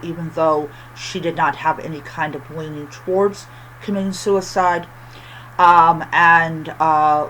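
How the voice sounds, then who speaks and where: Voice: medium pitch, fairly bright tone, rough recording. Casual book review voice, lispy whistly s, lots of ums and repeats, bit of background noise. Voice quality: lisp from missing teeth, whistling s. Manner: halting, frequent ums and repeated phrases.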